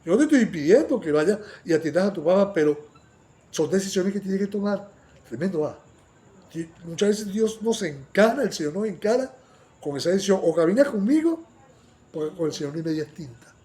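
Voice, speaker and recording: High-voiced man teaching a Bible study. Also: brisk. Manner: animated, often asks the listeners "sí o no"; acts out quoted lines in a raised voice.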